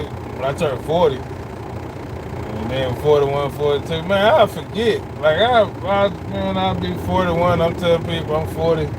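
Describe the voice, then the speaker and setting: A man talks from his truck in a loose, cussing drawl. His voice sits a little high. The phone recording is buried under loud engine rumble and wind. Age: 40s. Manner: profane, drawling, laid-back. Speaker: truck driver. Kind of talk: casual live-stream vlog. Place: in and around his truck at a freight yard.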